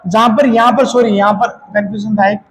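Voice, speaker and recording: High-voiced man teaching a quiz-style lesson. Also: flat delivery, a little fast, slightly rough, rough recording. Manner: repeats key terms as quiz questions, self-corrects; casual explaining tone. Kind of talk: exam-prep geography lecture.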